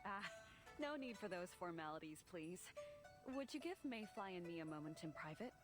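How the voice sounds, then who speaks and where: An actress playing a wise female martial arts master who teaches calmly and firmly. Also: fairly low pitch, moderate pace, natural voice. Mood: gentle. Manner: calm, instructive. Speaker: grand master. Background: game music.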